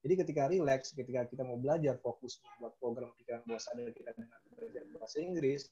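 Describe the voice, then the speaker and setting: A man's voice: medium pitch, expressive, quick pace, warm tone, husky. A man working as a coach, earnestly explaining his training program. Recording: dull lo-fi sound.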